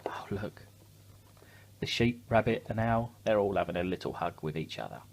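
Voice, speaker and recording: Reading a picture book aloud to kids, a man with a low voice and some vocal fry sounds very animated at a moderate pace, with slight background noise. He brings the story to life expressively, chatting with simple asides and questions for the children.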